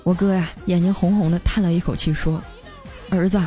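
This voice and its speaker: A woman, hosting and telling a comic story in a lively, chatty way. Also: lowish voice. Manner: lively, chatty, drawn-out particles. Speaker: radio story host. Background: faint music.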